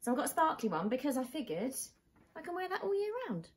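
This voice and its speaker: A woman's voice: high voice, very animated, fast. A British woman in her thirties chatting casually as a vlog co-host in her living room.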